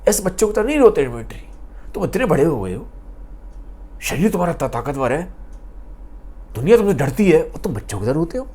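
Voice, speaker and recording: A man voicing a young woman who gently comforts a crying man, speaking in a reassuring way. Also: a little high, sing-song, a little fast, pauses often, breathy edge. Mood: chiding. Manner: gentle, reassuring, mixes in English.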